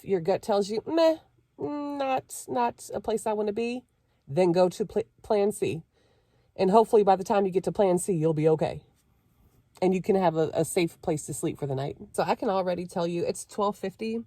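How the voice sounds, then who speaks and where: A young woman vlogging casually from inside her parked car, chatty and quick to laugh as she talks through what she is doing. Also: lowish voice, warm tone, dry recording, studio quality. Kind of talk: casual vlog chat.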